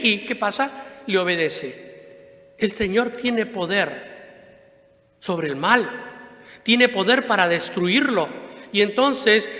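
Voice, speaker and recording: A man's voice: very high voice, bright, forceful tone. A male priest giving a Sunday homily in a conversational way, asking rhetorical questions and adding "no?" after many phrases, in a church. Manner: conversational preaching, frequent rhetorical questions and tag "¿no?". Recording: echoey church with long reverb.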